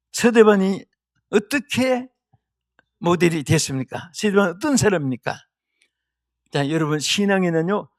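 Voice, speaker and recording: An older man preaching a sermon as pastor, with emphatic delivery that swings from hushed to shouted. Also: sits high, no echo, clean studio sound. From South Korea.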